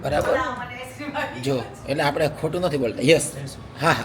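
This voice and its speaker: Laughing frequently, a young man vlogs at home in his role as husband, chatting and teasing casually with his audience. His voice is on the high side at a normal speed, over a noisy background.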